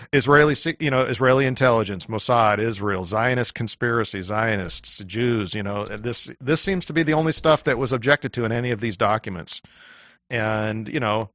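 A man's voice: mid-range voice, a bit bright, dry recording. A man in his forties from Washington State, a guest talking in casual conversation with many fillers. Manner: chatty, many "you know" fillers. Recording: dull, dry lo-fi sound.

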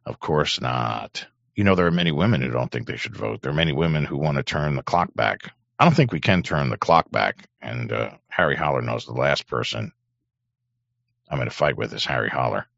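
A middle-aged man with a hoarse throat hosting an on-air show, rambling and swearing, often clearing his throat. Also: a bass voice, fairly bright tone, no echo. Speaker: show host. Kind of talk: casual on-air monologue. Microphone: studio microphone. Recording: dry, dull lo-fi mic.

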